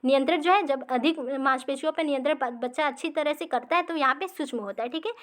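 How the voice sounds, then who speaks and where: A woman with a high, light voice teaches an exam-practice lesson. She explains slowly and repeats each point, checking in after almost every line. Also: fairly bright tone.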